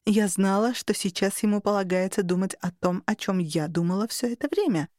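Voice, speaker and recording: A woman narrating an audiobook in an even, measured storytelling voice with dry irony. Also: mid-range voice, no echo. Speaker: audiobook reader.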